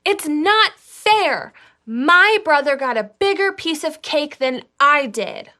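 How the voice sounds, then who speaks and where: A woman's voice: high voice, animated, takes it slowly, bright, forceful tone, pitched above the performer's own voice, heavily acted. A woman putting on the voice of a whiny, complaining young child in a kids' church lesson. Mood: whining.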